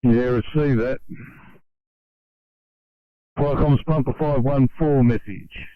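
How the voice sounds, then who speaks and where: A fire dispatcher answers crews over a walkie talkie, reading their messages back in a brisk, routine way. His voice is clear and dry. The radio sound is somewhat muffled and narrow. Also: mid-range voice, steady tone, dry recording. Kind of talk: emergency radio traffic.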